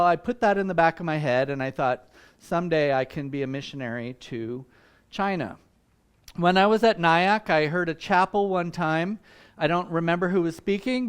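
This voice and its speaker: Man in his sixties, Vietnamese as first language, higher-pitched voice, church missions talk, friendly and conversational, lots of ums. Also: clean tone. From Vietnam and Malaysia. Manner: friendly storytelling with frequent ums and uhs. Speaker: visiting missions speaker. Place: church meeting room.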